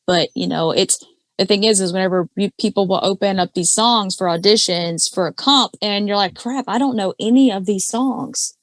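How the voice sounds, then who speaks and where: A low-alto woman, a karaoke singer and judge, chats casually as a podcast guest about singing, full of fillers and restarts. She talks at normal speed on a dry recording.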